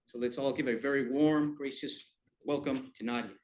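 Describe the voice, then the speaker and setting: A man hosting a college talk, introducing the guest speaker in a warm, slightly halting way in a lecture room. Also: medium pitch, fairly even intonation, heavy background noise. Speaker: event host introducing the speaker.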